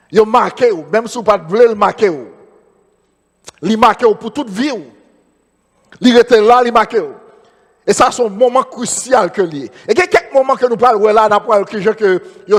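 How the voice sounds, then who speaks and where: A man's voice: high-pitched, big-room sound. A man with a Haitian Creole accent preaching a sermon as pastor, repeating phrases and calling out amen. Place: church.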